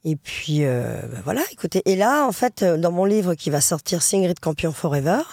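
A woman's voice: fairly low pitch, moderate pace, no room sound, studio quality. Chatty French woman with a Traveller accent. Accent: French Traveller community accent. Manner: lively, chatty, many fillers and restarts. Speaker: singer and author guest. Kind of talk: casual interview talk.

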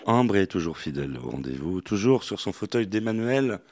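Joking host, fairly low voice. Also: male voice, big pitch swings, normal speed, darkish tone. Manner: playful, teasing, many fillers. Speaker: radio talk show host. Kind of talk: casual radio chat.

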